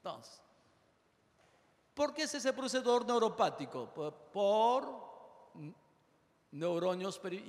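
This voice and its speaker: Animated male surgeon lecturing in a reverberant hall. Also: high voice. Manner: animated, rapid lists, acts out patients. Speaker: surgeon lecturing medical students. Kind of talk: medical lecture.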